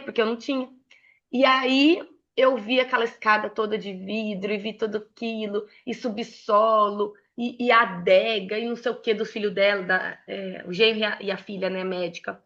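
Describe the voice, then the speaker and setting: Bright-voiced Brazilian woman, emotional storyteller. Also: a little high, lo-fi sound. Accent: Brazilian Portuguese. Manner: emotional and expressive, laughs often. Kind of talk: casual mentoring talk with personal stories.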